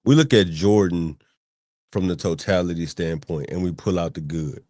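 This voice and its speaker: Brief: man, podcast guest, calm and measured, lowish voice, dry close sound. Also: dry recording. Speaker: podcast guest, mindset coach. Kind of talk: casual chat.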